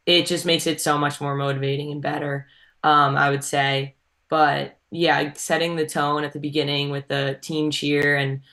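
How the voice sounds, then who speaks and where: A young woman from Long Island, New York, with a subtle local accent answers casual interview questions as a college swimmer guest, using lots of ums and likes. Her voice is low-pitched and a bit bright.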